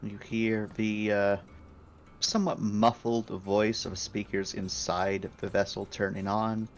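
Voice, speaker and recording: A man running a tabletop game, describing the scene in a calm, unhurried way. His voice sits a little low and moves at a slow pace. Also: a little hiss or hum. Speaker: game master. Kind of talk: narrating a tabletop role-playing game.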